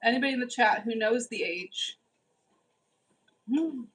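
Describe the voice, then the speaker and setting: A woman's voice: a little high, measured pace, a bit bright, slightly rough, low-quality recording. A woman in her forties hosting a livestream, reading viewers' chat in a teasing, bossy way and scolding rude commenters. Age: 40s. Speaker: livestream host. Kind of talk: casual live chat reading.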